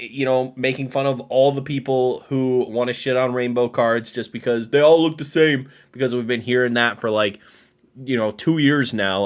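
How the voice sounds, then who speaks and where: A man with a mid-range voice hosting a casual reaction stream. He is blunt and dismissive, laughs often, and rambles in a loose, unscripted way. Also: medium pitch. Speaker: host reacting to a video.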